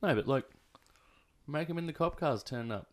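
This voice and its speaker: A man's voice: on the high side, animated, moderate pace, a little hiss or hum. An Australian man in casual, irreverent banter, using slang and swearing.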